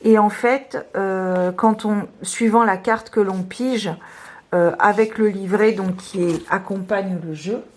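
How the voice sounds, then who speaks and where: A woman presenting her tarot decks in a casual video, talking hesitantly with many fillers and restarts, a little hoarse. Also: mid-range voice, fairly even intonation, slow pace. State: slightly hoarse, clearing her throat.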